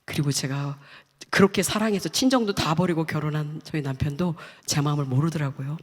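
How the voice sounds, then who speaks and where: A middle-aged woman giving a heartfelt testimony at a church, speaking earnestly in short listed phrases that sometimes fall to a hush. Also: sits low, fairly quick, in a large hall. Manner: earnest, stacks short listed phrases, drops to hushed tones. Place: church hall.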